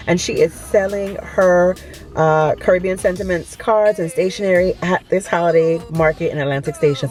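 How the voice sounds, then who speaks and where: A woman vlogger, talking in a chatty, excited way at an outdoor holiday market. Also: fairly low pitch. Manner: excited, chatty, says y'all a lot. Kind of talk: casual vlog chat.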